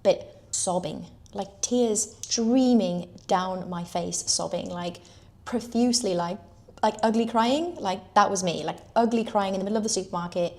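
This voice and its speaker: Young british woman, casual storyteller, middle pitch, chatty and animated. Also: moderate pace. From United Kingdom. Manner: chatty, lots of "like", animated retelling. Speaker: equestrian telling her story. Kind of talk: personal storytelling.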